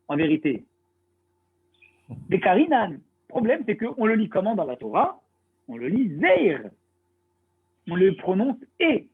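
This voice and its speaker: A man's voice: on the high side, breathy edge. A man giving a Talmud lesson, asking rhetorical questions and reading and translating Hebrew terms as he explains. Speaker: Talmud teacher. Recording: tinny phone-like line.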